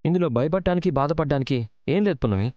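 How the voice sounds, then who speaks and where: An actor playing a calm, authoritative family elder who reassures and reasons, in a TV serial. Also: male voice, a little high, fast, dry recording, muffled recording, lightly acted. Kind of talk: TV serial acting.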